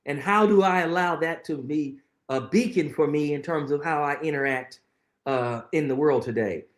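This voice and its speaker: A middle-aged man, a guest in a conversational interview, tells reflective stories with earnest emphasis, often repeating phrases to drive them home. His voice is a little high, his speed normal, and the recording reverberant.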